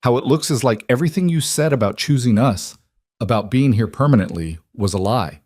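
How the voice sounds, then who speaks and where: A man voicing a betrayed single father in a quarrel, hollow and bitter, his voice turning sharp and accusing. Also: medium pitch, expressive, brisk, dry recording, studio quality, voice pushed up, natural voice. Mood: angry.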